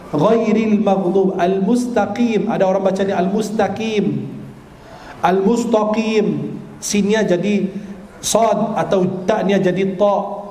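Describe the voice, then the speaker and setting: High-voiced man preaching in echoey hall. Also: mellow. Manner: slow careful recitation of Arabic sounds. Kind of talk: sermon. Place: mosque hall. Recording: echoey long hall reverb.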